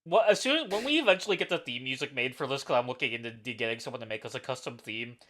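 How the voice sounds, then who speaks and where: A man's voice: medium pitch, expressive, fast, a bit bright. A man hosting as game master, joking and swearing in casual banter before a tabletop game. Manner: laughing, joking, swearing freely.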